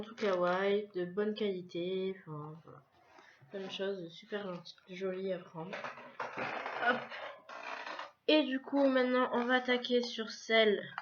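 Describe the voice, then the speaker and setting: A woman records a casual unboxing vlog, walking through each item in a relaxed, chatty way. She speaks slowly at a mid pitch. The sound is dull and lo-fi, with a faint hiss behind her. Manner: slow, chatty, describing items one by one. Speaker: vlogger unboxing a subscription box.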